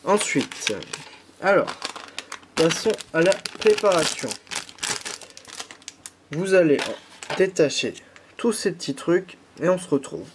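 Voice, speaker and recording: A young French man with a slight head cold speaks slowly in a higher voice, pausing often, with background noise behind him. As a YouTuber, he patiently guides viewers through a candy kit tutorial step by step, using many fillers.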